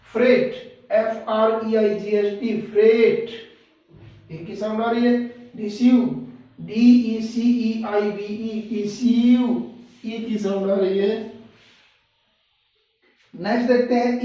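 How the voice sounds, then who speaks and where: A woman's voice: a little high, mellow. A woman teaching English pronunciation, spelling each word letter by letter before saying it. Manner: spells words letter by letter, then says them slowly. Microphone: far from the mic. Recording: distant, echoey, dull room sound.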